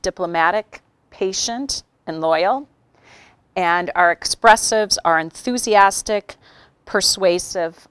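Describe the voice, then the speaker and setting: Woman trainer addressing a workshop, lively storyteller, resonant lower voice, dry sound. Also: clear, resonant tone, dry recording. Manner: animated storytelling with acted quotes. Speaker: workshop speaker. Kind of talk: workshop talk to an audience.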